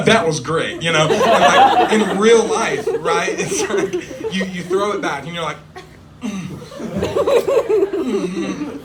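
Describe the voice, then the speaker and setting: Self-mocking comic, loud crowd. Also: male voice, high-pitched, slow, very noisy. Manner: self-deprecating, animated, acts out voices. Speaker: stand-up comedian. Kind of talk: stand-up set. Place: small club stage. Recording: distant mic, loud crowd laughter.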